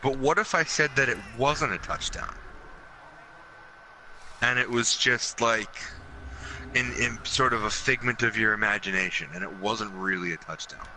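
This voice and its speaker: A young man doing color commentary on a video game, rambling in an animated way and laughing easily. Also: medium pitch, moderate pace, rough recording. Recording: audible background noise.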